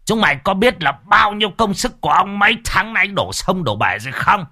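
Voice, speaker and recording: A man's voice: high-pitched, sing-song, brisk, bright, forceful tone, voice pushed up, heavily acted. A man voicing a greedy, cruel old village chief who screams abuse at his servants. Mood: furious. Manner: screaming, abusive tirades.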